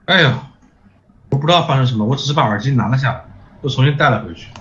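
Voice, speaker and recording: A man's voice: mid-range voice, expressive, fast, fairly bright tone, husky. A man chatting casually as a gaming partner, repeating himself as he checks his setup. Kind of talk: casual chat while troubleshooting audio. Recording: muffled mic with faint noise.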